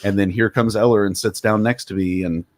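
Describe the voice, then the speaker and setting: A man's voice: fairly low pitch, fairly even intonation, brisk, a little mellow. A man co-hosting a podcast, a father telling a story in a laid-back, wry casual chat.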